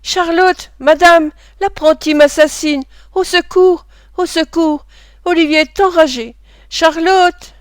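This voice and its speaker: A taunting, sneering apprentice boy, as a woman reader puts him on, voiced in a raised, strained register. The reading is crisp and close, with no room around it. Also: on the high side, expressive, moderate pace, dry recording, close to an everyday voice. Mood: shrieking. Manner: mocking, then shrieking for help.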